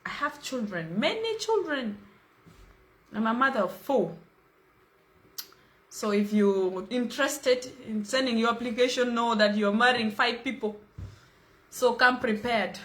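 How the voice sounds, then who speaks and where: Ugandan woman livestream host, unhurried and teasing, bright voice, fairly high. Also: lively intonation. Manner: playful, teasing, laughs often. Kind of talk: casual livestream chat.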